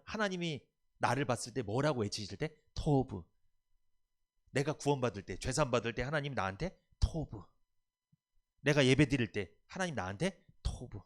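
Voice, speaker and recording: Animated male pastor preaching. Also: medium pitch. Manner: animated, asks the congregation questions and answers them. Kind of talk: sermon.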